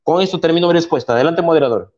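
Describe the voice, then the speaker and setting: A man's voice: fairly high pitch, very fast, a little mellow. A man in a heated online debate, combative and preachy, quoting scripture at his opponent. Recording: dull lo-fi call audio.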